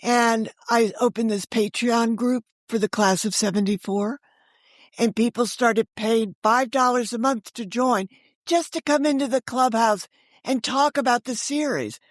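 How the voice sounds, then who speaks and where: An older woman of about seventy, an author and audio drama creator, chats candidly as an interview guest, telling casual anecdotes and acting out what people said. Her voice is fairly high and a little slow, on a dry recording.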